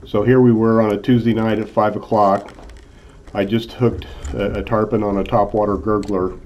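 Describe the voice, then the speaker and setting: Low, flat-voiced older man telling a story. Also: normal speed. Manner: easygoing, frequent "uh" fillers. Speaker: channel host, accountant. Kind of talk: casual vlog narration. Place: in a car, then voice-over.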